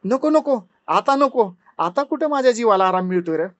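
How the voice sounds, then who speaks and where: A man's voice: sits high, animated, moderate pace, no room sound, muffled recording. A man voicing a kindly, teasing old male grandfather ghost in rustic village speech. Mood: gentle teasing.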